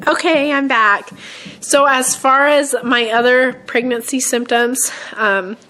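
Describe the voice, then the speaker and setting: A young woman vlogging at home to her camera, hoarse from a cold, chatting in a rambling way with many ums and throat-clearing. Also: high-pitched, fairly even intonation, slow pace, bright, forceful tone, rough recording. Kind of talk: casual vlog chat to camera. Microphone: camera set on a surface.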